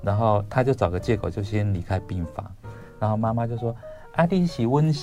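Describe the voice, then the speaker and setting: Man, low pitch, psychologist guest, earnest storytelling, faint guitar music. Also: steady tone, a little fast, mellow. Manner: earnest, retells dialogue with many quotes. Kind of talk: storytelling on a radio talk show.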